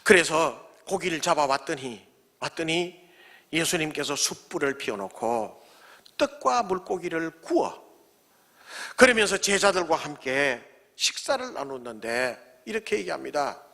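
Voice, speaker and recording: Pastor guy preaching, bright sharp voice, goes loud then whispery. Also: a little high, very animated, a little slow, vocal fry. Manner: dramatic, acts out quoted voices, swings from loud to hushed. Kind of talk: sermon.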